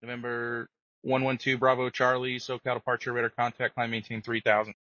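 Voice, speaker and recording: A man working as an air traffic controller, giving brisk, procedural instructions over the radio. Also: medium pitch, completely flat delivery, pushed and bright, dry recording. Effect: radio transmission. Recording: muffled lo-fi radio audio.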